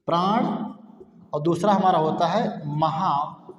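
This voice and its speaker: A male Hindi teacher gives a patient, classroom-style grammar lesson, repeating points, posing and answering his own questions, and sounding out syllables aloud to show the difference. His voice is a little high and his pace measured, in an echoey room with long reverb.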